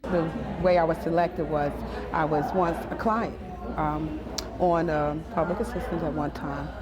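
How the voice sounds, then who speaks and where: A woman honoree speaks in a very low voice, telling her story haltingly with frequent fillers. Loud crowd chatter fills the background. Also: fairly even intonation. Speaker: program honoree. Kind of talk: interview answer.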